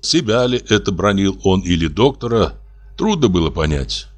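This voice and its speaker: Expressive male audiobook narrator. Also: deep voice, normal speed, soft background music.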